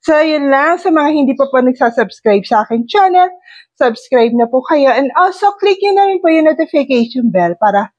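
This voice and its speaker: Her voice sits high and lively at a moderate pace, and the sound is lo-fi. She's a middle-aged vlogger with a Filipino accent and a cold-induced nasal tone, chatting her way through a casual home demo of a wireless clip-on mic and phone while changing rooms and explaining the steps.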